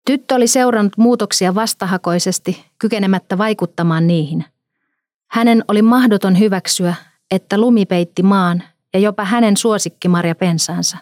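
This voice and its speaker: A woman narrating a story in a calm, measured reading. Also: medium pitch, no room sound, studio quality.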